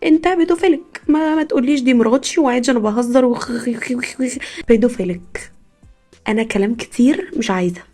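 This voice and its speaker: A young woman from Egypt with an Egyptian Arabic accent, hosting a podcast as a casual comic monologue, telling stories in an animated way with frequent laughs. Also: on the high side, fast, hardly any pauses, soft background music. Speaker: podcast host.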